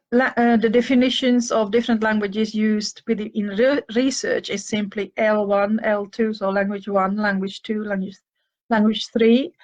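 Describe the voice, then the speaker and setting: An older Finnish woman whose first languages are Finnish and Swedish hosts a show, answering listener questions with advice in a thoughtful, hesitant way full of fillers, with a slight cough. Her voice is on the high side and a little mellow, and the audio sounds dull.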